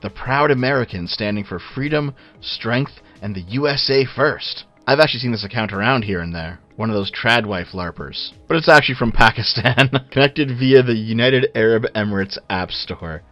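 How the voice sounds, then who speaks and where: Guy ranting sarcastic and sweary, dull lo-fi low sample rate sound, faint music under it. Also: animated, normal speed. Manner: sarcastic and profane. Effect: muffled low-sample-rate audio. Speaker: online commentator. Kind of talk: casual scripted commentary.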